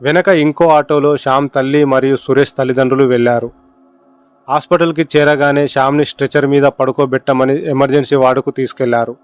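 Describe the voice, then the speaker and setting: A man narrating a horror story in an expressive, dramatic storytelling manner. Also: medium pitch, brisk, clean tone, no echo. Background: faint music.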